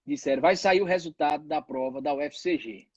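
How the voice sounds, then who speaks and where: With a fairly high, husky voice and a fairly quick pace, this man from Northeast Brazil recounts his own story as a pediatrician guest in an interview, voicing the people in it. The recording has no room sound and the highs are cut off.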